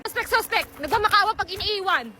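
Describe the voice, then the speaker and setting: A woman's voice: very high voice, animated, fast. A woman hosting a playful teasing challenge, chanting prompts at the others. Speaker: challenge host. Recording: music playing under voice.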